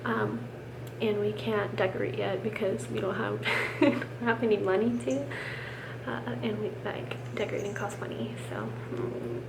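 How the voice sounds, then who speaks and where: A woman's voice: medium pitch, steady tone, moderate pace, gravelly. A young American woman chatting casually to camera, rambling and self-deprecating, sick with a swollen sore throat and keeping her voice down, sometimes to a whisper. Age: young adult. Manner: hushed, keeping quiet, at times dropping to a whisper. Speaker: vlogger. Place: room at home. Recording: roomy, noisy home camera recording.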